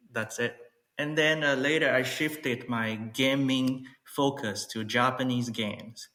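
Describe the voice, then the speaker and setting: A man in his forties from Taiwan, a native Mandarin speaker, chatting as a podcast guest in a relaxed way with many fillers. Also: medium pitch. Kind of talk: casual interview chat. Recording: echoey room.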